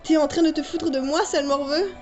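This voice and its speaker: A woman's voice: sits high, brisk, darkish tone, dull audio, soft background music, lightly acted. A woman reading the lines of a hot-tempered, protective father in a homemade fan story. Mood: angry.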